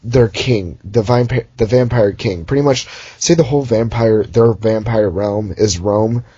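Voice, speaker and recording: A man's voice: fairly low pitch, measured pace, mellow, breathy edge, no room sound, highs cut off. A young man giving a rambling, sarcastic recap of a movie in casual chat, recorded at home on a computer mic. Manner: rambling, sarcastic, mocking character voices. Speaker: movie reviewer.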